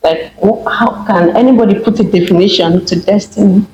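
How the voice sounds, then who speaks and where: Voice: mid-range voice, normal speed, muffled recording. Talk host in an echoey room. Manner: plain, steady, asks questions. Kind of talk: casual talk show hosting.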